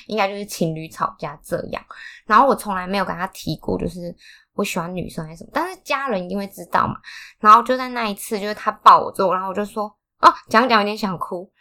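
A woman's voice: mid-range voice, pushed and bright. A young woman with a Taiwanese Mandarin accent, co-hosting a podcast, telling a personal story with feeling and laughing as she goes. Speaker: podcast co-host. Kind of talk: casual chat.

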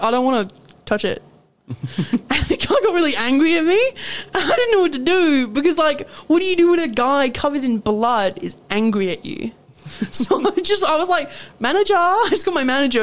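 A woman's voice: sits high, moderate pace. A young woman, co-hosting a podcast and telling workplace stories with frequent laughter. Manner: laughs often, animated storytelling. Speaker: podcast co-host. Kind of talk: casual storytelling chat.

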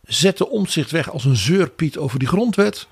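A man with a gravelly, very raspy voice talks politics as a podcast co-host. He is wry and animated, his pitch swinging widely. The sound is close and dry. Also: moderate pace, no echo. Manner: animated, wry commentary with quoted asides. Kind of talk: political analysis chat.

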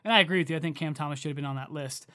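A man co-hosting a casual sports podcast, chatty and relaxed, running through statistics with plenty of fillers. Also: fairly high pitch, very fast. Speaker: podcast co-host.

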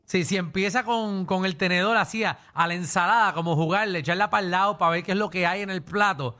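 A man co-hosting a radio show, teasing and joking in quick back-and-forth. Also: sits high, bright, forceful tone. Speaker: radio host. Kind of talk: casual radio chat.

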